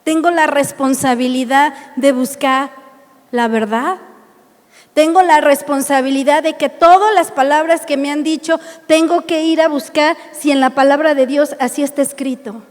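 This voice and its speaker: A Mexican woman preaches in a high voice, pressing her points with one rhetorical question after another. Her sermon rings with long reverb in a church hall. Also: fairly even intonation, moderate pace. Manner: emphatic, asks many rhetorical questions.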